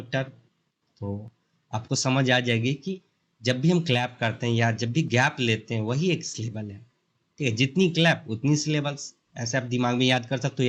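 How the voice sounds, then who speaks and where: A young man with an Indian accent teaches beginner English grammar in a loose, chatty mix of Hindi and English. He leans on homely comparisons to make each idea stick. Every point gets a quick check-in with the listener before he moves on. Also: medium pitch. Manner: explains with simple analogies, often checks in with the learner. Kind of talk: casual Hindi-English lesson.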